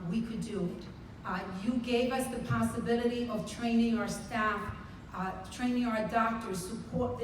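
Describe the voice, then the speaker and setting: Recorded distantly in a large, very echoey conference hall, a medical center CEO from the Dominican Republic addresses a panel with earnest, heartfelt pride. She has a medium-pitched voice, and there's background noise.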